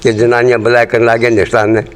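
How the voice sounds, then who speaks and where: Racing through his words in a flat, mid-range voice, this very old man recalls the past for an interviewer in a blunt, earthy, rambling way. He is a partition migrant in his 80s or older from Rohtak, Haryana, in pre-partition India, with a Haryanvi accent. Noise from the location is plainly audible.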